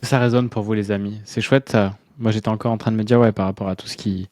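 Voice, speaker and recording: A man co-hosting an astrology talk, speaking friendly and casually to listeners, sometimes slowing and searching for words. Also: lowish voice, fairly even intonation, dark tone, dry recording, clean studio sound. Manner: friendly, addresses listeners directly, slow and searching at times. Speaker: astrology coaching co-host. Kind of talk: casual chat.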